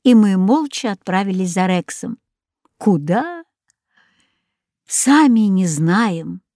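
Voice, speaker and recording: Slow, expressive woman storybook reader. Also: mid-range voice, no room sound, studio quality. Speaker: audiobook reader. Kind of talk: storybook reading.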